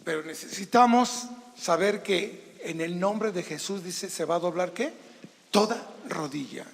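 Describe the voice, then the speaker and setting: A Mexican pastor preaches with emphatic force, his voice pitched high with a gravelly edge. He talks into a handheld microphone, and his words ring through a reverberant church hall. He calls questions out to the congregation. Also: measured pace. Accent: Mexican Spanish. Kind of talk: sermon. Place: church sanctuary.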